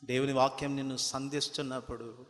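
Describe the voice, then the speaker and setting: A man's voice: mid-range voice, level tone, brisk, fairly bright tone. A man preaching a sermon, telling a story and firing rhetorical questions at the congregation, building to impassioned appeals. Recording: long reverb of a large hall.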